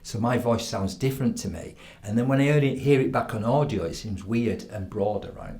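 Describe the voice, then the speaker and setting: Man, Yorkshire accent, podcast guest, lively storyteller, tags "right?" onto points, studio mic. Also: on the low side, brisk. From Yorkshire, England. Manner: animated storytelling with acted quotes, frequent "right?". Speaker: professional public speaker, guest. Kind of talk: casual interview chat. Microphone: studio podcast microphone.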